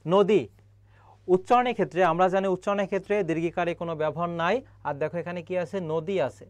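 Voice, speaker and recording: An online admission-prep teacher, a young man with a fairly high voice for a man, leads a live-streamed grammar lesson at a brisk clip. He keeps putting questions to viewers and reading their comments aloud. The audio is dry and close-miked, with no room sound at all.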